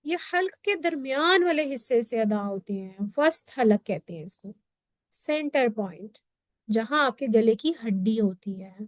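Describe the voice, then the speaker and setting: A woman teaching Quran recitation in an online lesson. She explains each point patiently, checks in often with a quick question, and sounds out letters in slow drawn-out syllables. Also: fairly high pitch, animated, no room sound.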